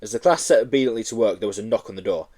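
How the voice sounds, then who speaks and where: Animated male storybook narrator. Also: on the low side, rapid-fire. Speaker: audiobook reader.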